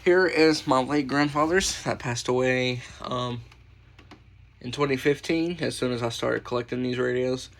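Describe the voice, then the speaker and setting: With weather radios going behind him, a man of medium pitch and moderate pace shows off his radio collection. As host, he keeps it loose and rambling, tossing in muttered comments and mild swearing.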